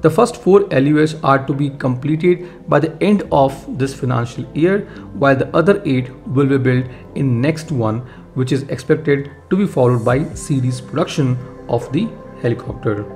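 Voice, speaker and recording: A man, hosting a defense news channel and reading a scripted update in a steady voice. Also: mid-range voice, moderate pace. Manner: steady read-aloud delivery, lists of facts. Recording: faint music bed behind voice. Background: faint background music.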